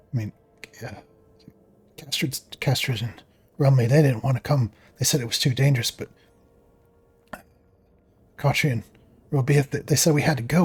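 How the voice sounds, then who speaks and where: A man's voice: mid-range voice, darkish tone, breathy edge, close to an everyday voice. A man voicing a frightened male half-orc survivor who stammers urgently.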